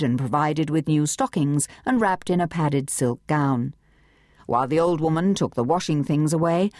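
A woman narrating an audiobook in a measured, expressive storytelling manner, close to a studio mic. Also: low voice, dry recording. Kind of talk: scripted narration.

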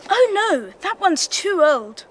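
A woman's voice: very high-pitched, sing-song, slow, background noise, exaggerated voice. A woman playing a small, innocent boy prince from another planet in a radio drama, insistent and full of questions.

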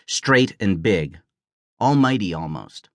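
Low-voiced man narrating an audiobook. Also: lively intonation, slow, dry recording. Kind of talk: scripted narration. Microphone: close studio mic.

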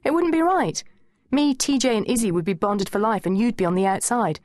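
A woman's voice: on the high side, lively intonation, a little fast, darkish tone, no echo, clean studio sound, pitched above the performer's own voice, natural voice. A woman narrator voicing an earnest teenage girl who coaxes her friends along. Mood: coaxing. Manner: coaxing, earnest.

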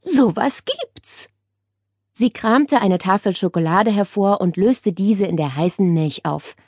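A woman narrating a children's audiobook with expressive storytelling. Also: medium pitch, a little slow, dry recording, clean studio sound.

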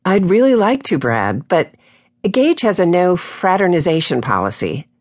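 A woman voicing a spirited young female deputy who talks in a bright, quick, teasing way, read for an audiobook. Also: on the low side, very animated, voice pushed up. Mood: apologetic.

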